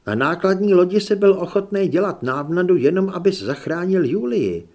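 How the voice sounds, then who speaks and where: A male audiobook reader voicing a tough, sharp-tongued young woman who scolds bluntly in a slightly raised voice. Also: high voice, lively intonation, pitched above the performer's own voice. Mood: scolding.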